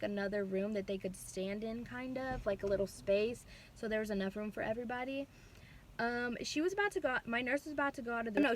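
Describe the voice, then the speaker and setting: Young woman vlogging a storytime, chatty and animated, kinda high voice. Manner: chatty, animated retelling with many fillers. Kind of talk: casual storytime.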